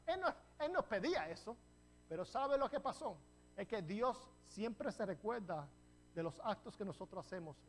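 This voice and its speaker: A man from New Jersey preaching a sermon as pastor, telling the story in a lively way and putting rhetorical questions to the congregation. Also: high-pitched, a little hiss or hum. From New Jersey, USA. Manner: jokes with the congregation.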